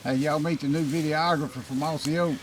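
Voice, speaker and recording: A man, hosting a hunting show, talking in a folksy, excited way out in the field. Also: fairly high pitch, a little fast. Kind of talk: casual chat in the field. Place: outdoors on farmland. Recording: faint outdoor noise.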